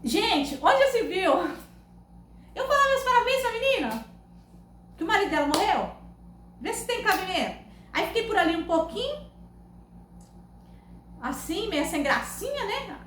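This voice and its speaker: A woman with a Brazilian Portuguese accent, telling funny stories to her camera in a loud, animated, laughing way. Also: very high voice, unhurried, long pauses. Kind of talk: casual storytelling to camera. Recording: echoey room, faint background noise.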